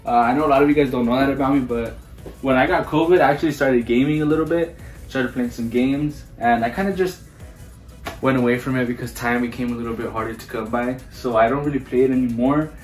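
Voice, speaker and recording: In a fast, mid-range voice, a vlogger in his twenties chats his way through a house's small bathrooms and bedrooms, using Spanish words amid his English. Faint music plays behind. Filmed on a handheld camera or phone by another person a few feet away, his voice sounds distant and echoey.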